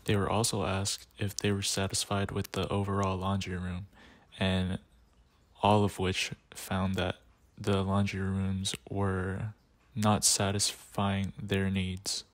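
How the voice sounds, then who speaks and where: A man's voice: low-pitched, completely flat delivery, slow pace, dry recording. A young man narrating a class project video about campus laundry rooms, reading plainly. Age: young adult. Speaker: student presenter.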